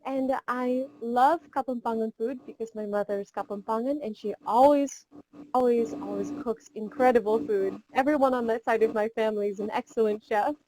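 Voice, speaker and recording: A woman's voice: fairly high pitch, fairly quick, mellow, slight background noise, low-quality recording. A woman in her twenties from Seattle, with an American accent, answering questions as a pageant contestant on a video call. She sounds earnest and upbeat, with a Filipino word here and there. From Seattle, United States. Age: 20s. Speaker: beauty pageant contestant guest. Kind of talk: casual online interview.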